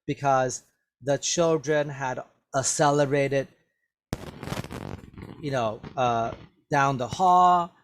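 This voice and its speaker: A man's voice: medium pitch, slow pace, long pauses. A man teaching English, reading a story aloud to students and explaining the words, patiently repeating each one several times into a webcam.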